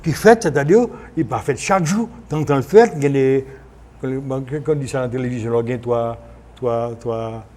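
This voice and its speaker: A former senator, a man with a Haitian accent, is the guest in an unscripted French-and-Creole radio interview. He stumbles through explanations, repeating and correcting himself, in a medium-pitched, darkish voice on a noisy archive broadcast.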